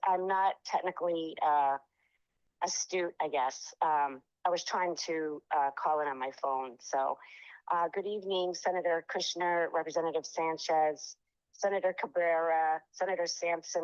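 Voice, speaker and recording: A woman's voice: sits low, a little mellow, no echo. A middle-aged woman giving testimony at a public hearing by phone, heard over a speakerphone, hesitant with many ums and uhs. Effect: heard over a speakerphone call. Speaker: union member giving testimony. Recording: dull lo-fi phone sound.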